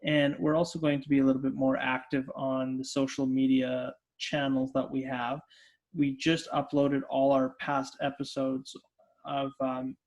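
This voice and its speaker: A man co-hosting a podcast, explaining things and giving announcements in a steady, plain way. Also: medium pitch, creaky. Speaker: podcast co-host. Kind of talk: casual chat.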